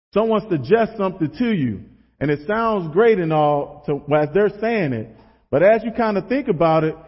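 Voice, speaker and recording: A man with a fairly high voice preaches in a loose, conversational way, tossing rhetorical questions to his listeners. His voice rings out with a long reverb tail, as if in a large hall. The recording sounds dull and lo-fi. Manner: relaxed, asks the audience rhetorical questions. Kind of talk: casual conversational sermon.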